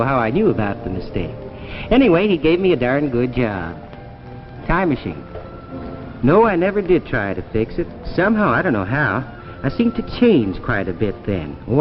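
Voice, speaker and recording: In a 1950s radio drama, a male actor with a mid-range voice plays a meek yet giddy and earnest time traveller, lightly acted with a folksy, emotive delivery. The vintage recording sounds dull and includes music.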